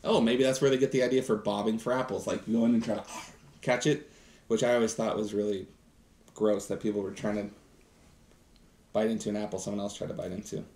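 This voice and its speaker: A man's voice: lowish voice, steady tone, a little fast, vocal fry, pauses often, a little mellow. A man in his thirties doing a chatty, enthusiastic live science demonstration, talking directly to viewers. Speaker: science teacher host. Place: home kitchen set, indoors. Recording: roomy kitchen echo.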